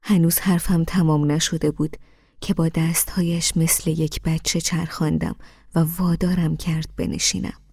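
A woman narrating a first-person story in a soft, half-whispered reading voice. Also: sits low, level tone, husky, no room sound, clean studio sound.

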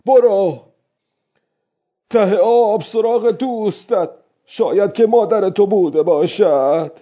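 A worn-out old fisherman talks to himself alone at sea in a raised, strained, plaintive voice, as a man narrating the story puts him on. The voice keeps a dark, mellow tone. The lo-fi recording sounds a little dull. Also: medium pitch, pitched above the performer's own voice, natural voice. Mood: fierce. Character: weary old male fisherman talking to himself.

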